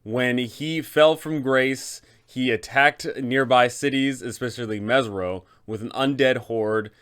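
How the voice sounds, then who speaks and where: A man hosts a guide for game masters, giving advice through scripted narration about a fantasy tabletop game. His voice is mid-range, slow, a bit bright and smooth.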